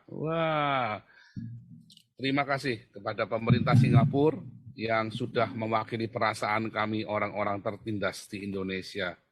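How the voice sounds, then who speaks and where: Male streamer, animated preacher-style rant, bright forceful voice, mid pitch. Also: no echo, studio quality. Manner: animated and mocking, often addressing listeners as brothers. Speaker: livestream commentator. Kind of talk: fiery livestream monologue.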